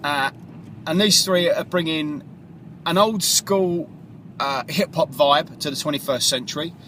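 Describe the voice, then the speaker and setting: Man, radio DJ, bright forceful voice, rambling upbeat chat, faint car noise behind. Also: fairly high pitch, measured pace. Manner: rambling, self-correcting, upbeat hype. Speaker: radio DJ promoting his show. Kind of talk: casual spoken show preview.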